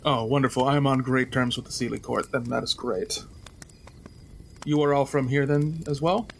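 A man playing a polite, earnest wandering journalist adventurer in a tabletop game, speaking in measured, formal, hesitant phrases. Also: mid-range voice, fairly even intonation, vocal fry, slight background noise, natural voice. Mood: courteous, calm. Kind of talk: tabletop role-play in character.

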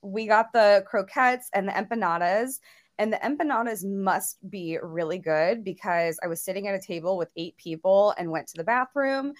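A woman's voice: mid-range voice, normal speed. Chatty woman podcast co-host. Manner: chatty, upbeat, frequent "like" fillers. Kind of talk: casual food podcast chat.

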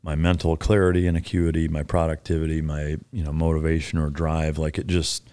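A man with a very deep voice hosts a podcast in a laid-back, blunt way, full of fillers. His voice sounds dry and close, with almost no room around it. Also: little pitch movement, a little fast, warm tone, clean tone, dry recording. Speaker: podcast host. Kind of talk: casual interview chat.

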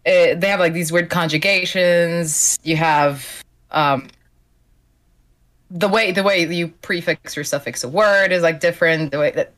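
Woman, native Slovenian speaker, podcast guest, casual talk, lowish voice. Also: measured pace, a bit bright. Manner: chatty, self-deprecating, with restarts. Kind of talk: casual chat. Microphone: video call.

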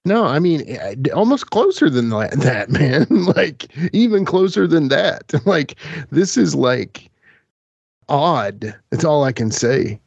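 A man's voice: fairly high pitch, big pitch swings, slow, gravelly, breathy edge, no room sound. Male podcast host, casual rambling film commentary, jokey, dry and slightly lo-fi. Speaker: watch-along podcast host. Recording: dry, dull lo-fi mic.

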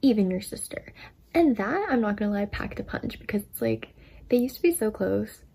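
A woman's voice: medium pitch, lively intonation, a little fast, creaky, darkish tone, husky. A young woman in her twenties casually retelling a book's story, chatty with lots of filler words, into a desk microphone. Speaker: storytime vlogger.

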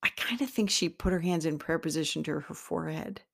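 A middle-aged woman tells a personal story from her own life on her podcast. Her voice sits low with a gravelly edge, and she pauses and restarts as she reflects. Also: fairly bright tone. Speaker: podcast host.

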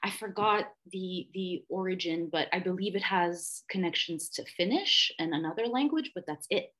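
On the low side but fairly bright in tone, this woman speaks at a moderate pace. A perfumer in her thirties who was raised in Dubai, she reflects effusively during a casual interview, often reaching for words with lots of fillers.

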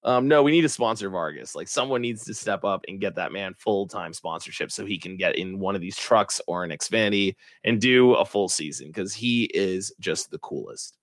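Male podcast host, slightly low voice, rambling and excitable, dry close sound. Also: moderate pace, hardly any pauses, no echo. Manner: rambling, excitable, lots of fillers. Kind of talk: casual chat.

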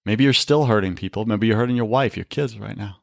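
A man's voice: lowish voice, quick pace, vocal fry, no echo, clean studio sound. A man talking on a faith podcast, preaching with emphasis and often calling the listener brother. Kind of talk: faith-based podcast talk.

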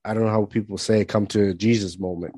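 Male interviewer, low voice, dry sound, halting supportive questions. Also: fairly even intonation, mellow, husky, no room sound. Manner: halting questions with restarts, affirming. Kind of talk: casual interview chat.

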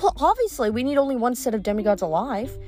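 A woman's voice: a little high, fast talker, dark tone, soft background music, pitched above the performer's own voice, close to an everyday voice. Woman putting on a sneering spiteful sorceress. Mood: mocking. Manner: sneering, mocking, dismissive.

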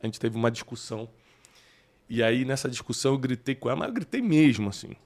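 A man's voice: medium pitch, expressive, fast talker, a little mellow. A man, a podcast host candidly telling personal stories in casual conversation and laughing at himself.

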